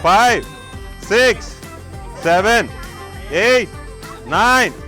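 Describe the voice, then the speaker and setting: A high-voiced man runs a village game show outdoors, calling out the counts loudly and teasing the players. Music plays under his voice throughout. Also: slow pace. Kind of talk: lively outdoor game hosting, counting aloud.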